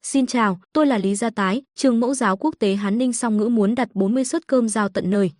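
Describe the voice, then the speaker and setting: A woman's voice: a little high, quick pace, darkish tone, no echo, clean studio sound, close to an everyday voice. A woman reading as a harried male principal.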